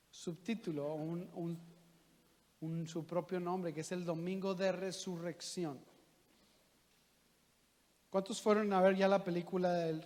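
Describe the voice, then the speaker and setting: A man's voice: sits high, darkish tone. A man preaching a sermon as pastor, talking conversationally and asking the congregation rhetorical questions. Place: church hall. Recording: long church reverb.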